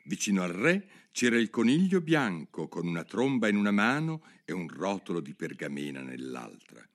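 Lively low-voiced male storyteller. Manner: expressive, measured storytelling. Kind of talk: scripted audiobook narration.

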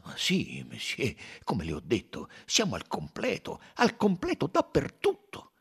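A man's voice: mid-range voice, wildly swooping pitch, a little slow, gravelly, breathy edge, full character voice. Man playing a polite, evasive train conductor. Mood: deferential. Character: tall, polite middle-aged train conductor.

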